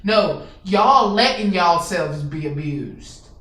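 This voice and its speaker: Man, co-host, high pitch, sharp bright tone, roomy echo, distant mic, argumentative. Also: animated, slow. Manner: argumentative, laughs a lot, acts out voices. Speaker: co-host reacting to news. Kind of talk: casual news reaction commentary. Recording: echoey, off mic.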